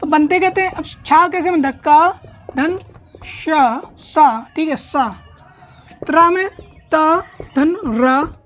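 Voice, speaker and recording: A woman teaching an online grammar class, explaining step by step, drilling pronunciation slowly and often checking that students follow. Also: high-pitched, fairly bright tone. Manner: slow, deliberate pronunciation drills.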